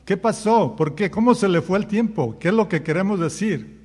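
A man's voice: high-pitched, lively intonation, moderate pace, a little mellow, slightly rough, big-room sound. A man preaching a sermon as pastor, firing rhetorical questions at the congregation and acting out common sayings. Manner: acts out everyday sayings in quoted voices.

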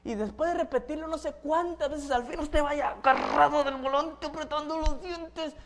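Woman giving a sermon, kinda high voice, asks the crowd stuff, does little brrr car noises. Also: normal speed. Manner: animated, acts out everyday scenes with sound effects; asks the audience questions. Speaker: preacher.

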